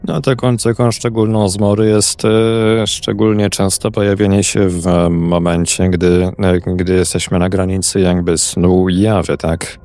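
A man with a very deep voice hosting a conversation. He speaks in a measured, thoughtful way and pauses on drawn-out fillers as he shapes his questions. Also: flat delivery, a little mellow. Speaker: host. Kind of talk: interviewing a guest.

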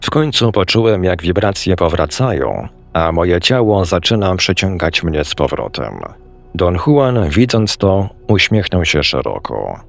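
A man's voice: sits low, big pitch swings, unhurried, vocal fry. A man narrating a first-person story in an earnest, reflective manner.

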